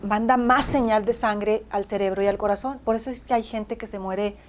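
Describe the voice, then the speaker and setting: A woman's voice: mid-range voice, steady tone, normal speed. A woman telling her story in casual conversation, acting out dialogue and laughing often.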